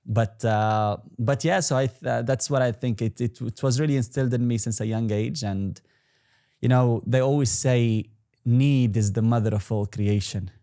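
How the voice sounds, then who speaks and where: A young entrepreneur in his twenties, a native Arabic speaker, appears as an interview guest and talks casually. His medium-pitched voice is warm and clean at a normal speed, and he rambles, restarting sentences and using fillers.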